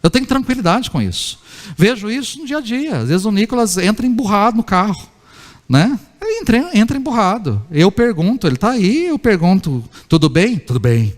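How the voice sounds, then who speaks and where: A man's fairly high voice carries through a church hall with a long echo. He is a middle-aged pastor who preaches in a chatty way. He asks the people question after question and acts out little family scenes. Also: very animated, brisk. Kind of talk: sermon.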